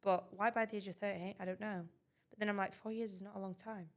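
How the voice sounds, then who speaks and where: A woman's voice: medium pitch, fairly even intonation, fast. Co-host: young woman in her twenties, chatty, laughs easily. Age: 20s. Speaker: podcast co-host. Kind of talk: casual chat.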